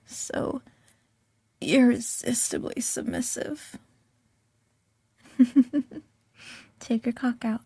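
Woman, high voice, very slow, teasing whispered roleplay, close-miked and dry. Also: flat delivery, gravelly, mellow, husky, dry recording. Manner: teasing, coaxing, mostly whispered. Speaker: audio roleplay performer.

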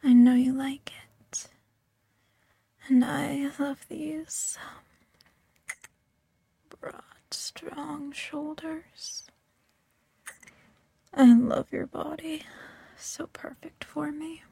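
A woman's voice: sits high, fairly even intonation, extremely slow, vocal fry, pauses often, mellow, dry recording. A woman performing a whispered audio roleplay close to the microphone, teasing and coaxing in a mostly whispered voice.

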